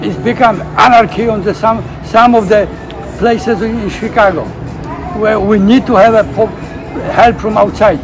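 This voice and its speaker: A man's voice: high-pitched, moderate pace, poor audio. A middle-aged man from Poland with a Polish accent, speaking emphatic, broken English. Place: city street outdoors. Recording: street with crowd and music.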